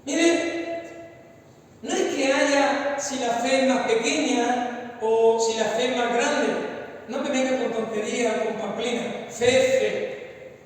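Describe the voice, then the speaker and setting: A man's voice: very high voice, steady tone, slow pace, long pauses. A male pastor preaching a sermon, stressing his points by repeating phrases. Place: church hall, echoey. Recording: echoey church hall from far off.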